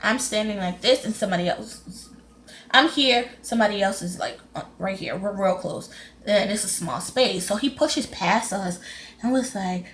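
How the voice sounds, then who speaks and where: Young woman, animated storytime vlog, frustrated, acts out quotes. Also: mid-range voice, normal speed, slight background noise. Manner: animated, frustrated retelling with lively quoted voices. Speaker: vlogger.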